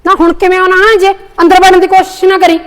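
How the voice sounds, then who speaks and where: Shrill, scolding Punjabi woman. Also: little pitch movement, quick pace. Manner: sharp-tongued, scolding.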